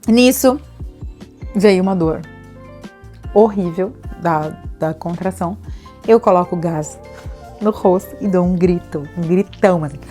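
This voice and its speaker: A woman in her thirties recounts a personal story as a vlogger. She is expressive and acts out the lines of the people in her story. Quiet music sits faintly in the background. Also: lowish voice, a little slow, pauses often. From Brazil. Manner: animated storyteller who acts out quoted lines.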